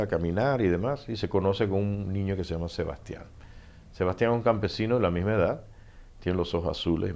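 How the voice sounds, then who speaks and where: Middle-aged panamanian guy, very low voice, spins stories and does the lines. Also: highs cut off. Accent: Panamanian Spanish. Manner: animated storyteller, acts out dialogue, laughs often. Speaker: author guest. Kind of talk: casual interview storytelling.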